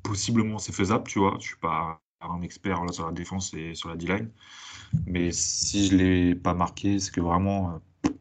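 A man giving casual scouting commentary as an analyst, halting and correcting himself, with English sports terms mixed in. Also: low-pitched, fairly even intonation.

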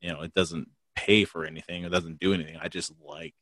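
Deep-voiced rambling man, podcast host. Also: steady tone, fast talker, fairly bright tone, no room sound. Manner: rambling, filler-heavy, many restarts. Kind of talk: casual podcast interview.

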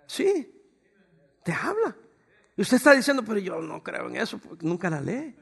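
A man's voice: high-pitched, sing-song, fairly quick, vocal fry, slightly rough. A man preaching as a pastor, talking to his congregation in a conversational way and acting out short exchanges. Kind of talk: sermon.

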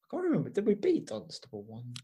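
A man's voice: high-pitched, wildly swooping pitch, fast talker, gravelly, warm tone, husky. Chatty man. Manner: chatty, self-deprecating, hedges with "I think". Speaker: podcast guest, football club insider. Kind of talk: casual chat.

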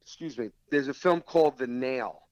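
The actor, a South Philadelphia native by accent, speaks at normal speed in a medium-pitched voice during a casual interview. Animated as he tells his stories, he acts out others' remarks in dialogue. The sound is dull but echo-free.

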